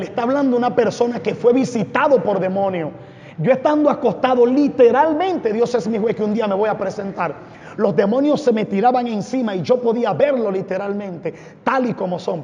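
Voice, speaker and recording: A man's voice: high voice, warm tone, a little hiss or hum. A man giving a fervent, dramatic testimony from a church stage. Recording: echoey hall, dull lo-fi sound.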